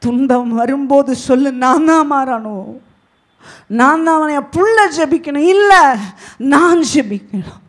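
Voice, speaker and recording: A woman pastor preaching a sermon with emphatic delivery, swinging between loud and hushed. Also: high-pitched, lively intonation, unhurried. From Tamil Nadu, India.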